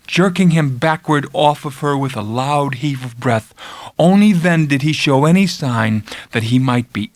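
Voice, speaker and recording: Here a man narrates a first-person literary tale as an audiobook, deliberate and intense, with dramatic swells and hushed dips. The voice is medium-pitched and the audio has no echo.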